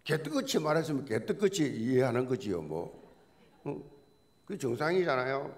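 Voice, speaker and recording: Very animated and speaking at normal speed, a male pastor with a gravelly, mid-range voice preaches with lots of rise and fall. His folksy storytelling includes joking with the congregation and repeating key words for emphasis.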